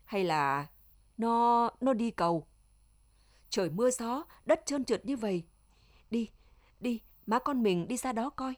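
A woman's voice: fairly high pitch, animated, unhurried, pauses often, no echo, clean studio sound. A woman doing a fussy older village mother. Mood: anxious.

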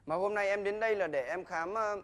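A man's voice: high voice, a little fast, a bit bright. An actor playing a timid, evasive male patient who pleads and stammers through excuses in a live comedy sketch. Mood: sheepish. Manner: pleading, hesitant, rambling excuses. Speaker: comic actor.

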